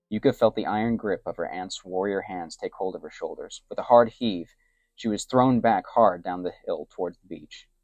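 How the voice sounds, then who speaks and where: A man narrating an adventure story in a soft, hushed storytelling manner, dropping to whispers for characters' thoughts. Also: deep voice, dry recording, highs cut off.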